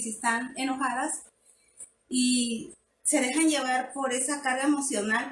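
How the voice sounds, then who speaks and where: A woman with a fairly high voice teaches parents in a live online session. She explains slowly and patiently, often restarting her phrases. The room sounds echoey, with a faint hum behind her. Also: fairly bright tone. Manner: explanatory, with many restarts and fillers. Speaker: parenting workshop facilitator.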